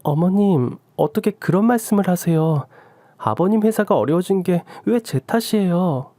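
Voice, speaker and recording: A woman's voice: lowish voice, expressive, normal speed, warm tone, dry recording. A woman voicing a fed-up young daughter-in-law who reproaches her husband in a radio drama. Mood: defiant. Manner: pleading and reproachful.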